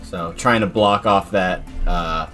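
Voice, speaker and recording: A man's voice: deep voice, a bit bright, soft background music. A man playing a tabletop game, describing his character's moves with many fillers. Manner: slow, hesitant with fillers. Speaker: player. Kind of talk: tabletop play, describing actions.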